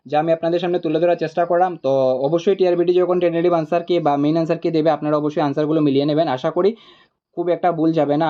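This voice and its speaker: A man tutor walking through exam answers, repeating each option deliberately. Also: fairly high pitch, warm tone, highs cut off.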